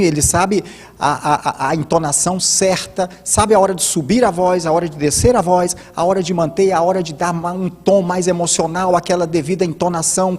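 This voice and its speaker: A man's voice: fairly high pitch, darkish tone, slightly rough. A middle-aged man hosting a commentary show, explaining speech technique in a didactic way with frequent hesitant restarts. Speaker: host and commentator. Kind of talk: spoken commentary on political speeches. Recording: long hall reverb.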